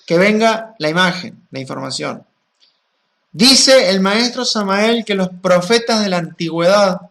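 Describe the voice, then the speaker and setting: A high-pitched man, a spiritual teacher, answers questions calmly and explanatorily in a gnostic teaching talk. He also chants mantras, drawing out the vowels.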